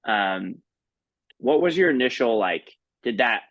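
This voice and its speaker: A man's voice: medium pitch, expressive, a little slow, a bit bright, no echo, muffled recording. A man hosting an interview, chatty and upbeat. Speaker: host. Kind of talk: casual interview.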